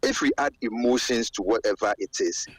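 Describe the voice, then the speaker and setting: A man's voice: mid-range voice, a little fast, husky, dry recording, rough recording. A man from Ghana with a Ghanaian accent, calling a radio show over a car speakerphone while driving, talking with passion and repeating his phrases. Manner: impassioned, repeats phrases, builds to fervent exclamations. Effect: car speakerphone call. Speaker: radio caller.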